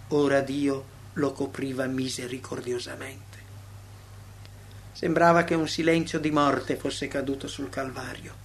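A man reading a devotional text aloud as a narrator, solemn, with dramatic swells and hushed drops. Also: sits high.

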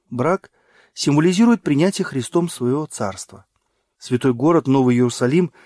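Male narrator, mid-range voice, dry booth sound, measured solemn audiobook read. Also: medium pitch, a little mellow, no echo. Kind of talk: scripted narration of a religious book.

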